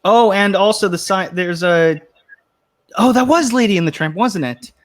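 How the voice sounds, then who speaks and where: Male show host, casual panel chat, a touch high-voiced, loose and rambling delivery. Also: normal speed. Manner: rambling, restarts, reads chat comments aloud.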